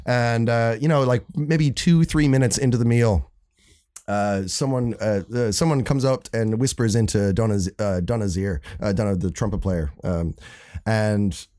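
A man's voice: on the low side, normal speed, warm tone. A man, a musician, telling stories in casual chat with many restarts. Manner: rambling, many restarts and stammers. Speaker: musician guest.

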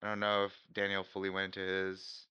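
Male co-host, lowish voice, teasing moderator of a casual group call. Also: completely flat delivery, a little fast, sharp tone, clean tone. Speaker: podcast co-host steering the discussion.

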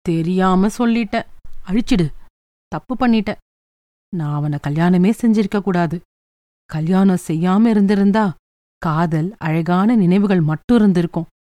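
A woman's voice: on the low side, unhurried, long pauses, warm tone, no room sound, natural voice. A woman voicing a frustrated young married woman who complains in a sulky, exasperated way in a storybook reading.

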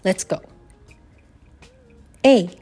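In a bilingual English lesson, a warm-toned woman is upbeat and encouraging, slowly modeling English phrases for learners as soft music plays in the background.

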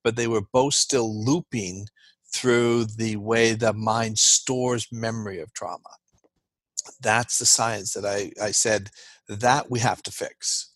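Male guest expert, husky, earnest explainer, dry close sound. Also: on the low side, fairly even intonation, takes it slowly, fairly bright tone, no room sound. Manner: earnest, explains with rhetorical "right?" checks. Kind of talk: explanatory interview talk.

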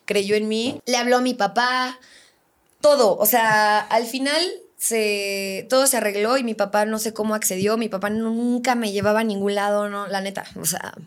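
A woman with a Mexican accent, talking casually as a podcast guest. She spins a personal story in lively slang and voices the other people in it as she goes. Her pitch sits right in the middle. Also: normal speed.

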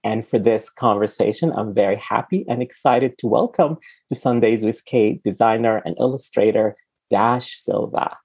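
A man from Sudan with a slightly husky voice, hosting a conversational film podcast. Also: lowish voice, normal speed, a little mellow. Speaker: podcast host.

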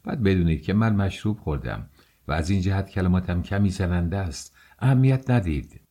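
A man voicing an excitable loyal student. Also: low-pitched. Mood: hushed. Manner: excited, shouting. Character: loyal excitable young male student, loud. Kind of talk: audiobook character voice.

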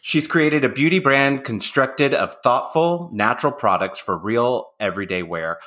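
A man's voice: medium pitch, normal speed, bright, forceful tone. A man hosting a podcast interview, reading a guest introduction and then chatting loosely with filler words. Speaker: podcast host, makeup artist. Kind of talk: conversational interview.

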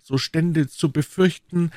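A man's voice: a little high, fairly even intonation, takes it slowly, darkish tone, dry recording, studio quality, voice pushed up. A man voicing a polished, courteous young musketeer in an audiobook, in a lofty manner. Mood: pleading.

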